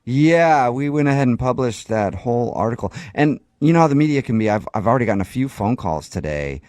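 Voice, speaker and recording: Deadpan man pranking by phone. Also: mid-range voice, fairly quick, no room sound. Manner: deadpan, sly, stifling laughs. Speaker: radio prank caller. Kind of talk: prank phone call posing as a doctor.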